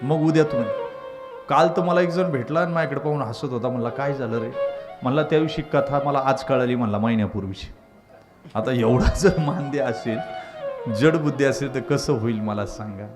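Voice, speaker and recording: Village preacher guy telling stories in a sermon, goes quiet then climbs loud and high, instruments playing under him. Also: brisk. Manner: dramatic storyteller, swings from low asides to loud high climaxes. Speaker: kirtan preacher. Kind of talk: devotional kirtan sermon with storytelling. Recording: live kirtan with instrumental music behind. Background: instrumental music.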